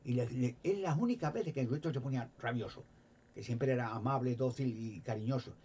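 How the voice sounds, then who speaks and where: A man's voice: medium pitch, fairly quick, warm tone, breathy edge. A man with a Spain Spanish accent preaching informally, retelling Bible stories in a rambling, repetitive way with stammered restarts. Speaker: lay preacher. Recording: slightly dull with faint background noise.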